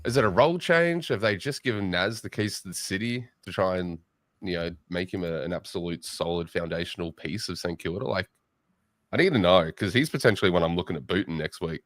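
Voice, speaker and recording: A man's voice: deep voice, fairly quick, dry recording. A young Australian man hosting a casual late-night fantasy football chat, joking and bantering with his guests. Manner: joking, banter-heavy, excitable. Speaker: podcast host.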